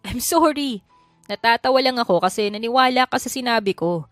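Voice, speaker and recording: Calm teasing young rich man, read by a woman, gently lowered, storybook voice, faint music. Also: a little fast, dry recording.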